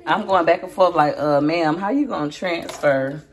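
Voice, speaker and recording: There's a crowd audible behind this woman, whose fairly low voice moves at a moderate pace. She's a cooking vlogger making a casual video in her home kitchen, stirring a pot and chatting folksily to viewers as [name].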